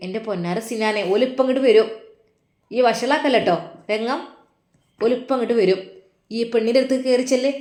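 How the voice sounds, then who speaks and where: Lady doing a fussy evasive mom, malappuram accent, high and quick, echoey. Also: darkish tone, lightly acted. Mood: coaxing, scolding. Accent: Malappuram Malayalam. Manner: coaxing, scolding. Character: evasive middle-aged mother, fussing and scolding. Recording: roomy echo.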